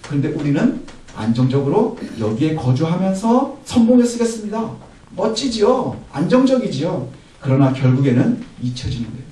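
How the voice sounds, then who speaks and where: Animated male pastor in a booming hall. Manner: animated, acts out quotes with a raised voice; poses rhetorical questions to the congregation. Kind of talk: Sunday morning sermon. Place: church sanctuary. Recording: echoey hall from far off, faint noise.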